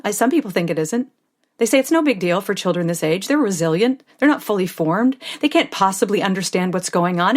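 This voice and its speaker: An American woman voices a stressed but devoted mother of a small daughter in a first-person audio drama, confiding and expressive, swinging between tenderness and exasperation. Her pitch is fairly high, close to an everyday speaking voice.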